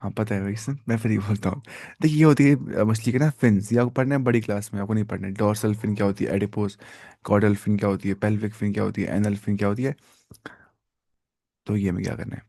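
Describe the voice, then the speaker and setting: A man's voice: on the low side, fairly even intonation, vocal fry, mellow, dry recording. Man teaching biology, questioning his class. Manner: asks the class questions and answers them himself; repeats key terms slowly, syllable by syllable. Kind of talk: live online lecture.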